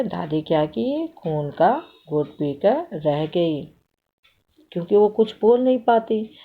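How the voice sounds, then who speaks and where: Woman teacher, low-ish voice, slow and deliberate, reads a story to the class and quizzes the kids, phone-quality sound. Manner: stops to quiz the children and repeats the answers. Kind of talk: reading a textbook story aloud to a class. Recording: tinny phone-like audio.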